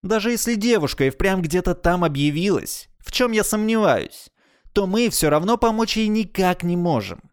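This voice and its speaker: A male narrator voicing a cautious space crewman who reasons doubtfully, pitched a little higher than the narration. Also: sing-song, normal speed, smooth, no room sound, studio quality. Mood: doubtful, reasoning.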